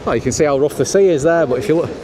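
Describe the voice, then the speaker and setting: A man's voice: a little high, rapid-fire, a crowd in the background. A middle-aged man with a northern English accent gives casual, chatty ride-along commentary outdoors, upbeat like a travel show host. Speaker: cycling vlogger. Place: outdoors on a bicycle. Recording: noisy outdoor recording, wind and traffic.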